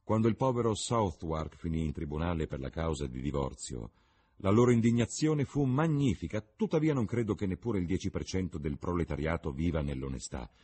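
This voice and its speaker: A man's voice: low-pitched, lively intonation, a little fast, a little mellow, husky. A man reading the part of a witty, cynical young English lord, with a languid, ironic delivery.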